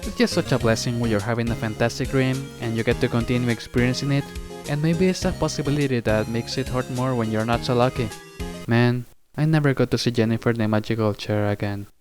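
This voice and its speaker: A man's voice: medium pitch, a little fast. A young man narrating a scripted personal monologue with wry, dry asides. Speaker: video narrator. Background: background music.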